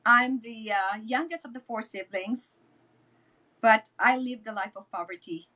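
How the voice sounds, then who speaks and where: This middle-aged network marketing leader from the Philippines tells her story to an online interviewer in a Filipino accent, leaning on repeated words for emphasis. She speaks at a measured pace in a high, bright, forceful voice.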